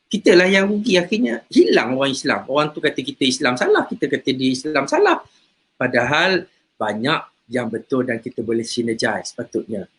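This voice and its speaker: A man's voice: mid-range voice, big pitch swings, fairly quick, fairly bright tone, husky. A man, a religious teacher, talking casually about faith and character, telling stories and repeating words as he goes. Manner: chatty storyteller, repeats words.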